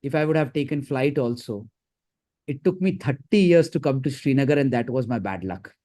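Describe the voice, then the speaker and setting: A man with an Indian accent giving live career advice as a counsellor, in a brisk, instructive and emphatic manner. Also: medium pitch, animated, dark tone. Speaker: career counsellor hosting a session. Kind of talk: live advisory session.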